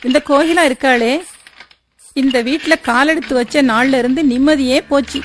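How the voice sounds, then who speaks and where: A woman's voice: sits high, normal speed, a little hiss or hum, lightly acted. A woman playing a scheming, spiteful woman of the house who scolds and gossips sharply.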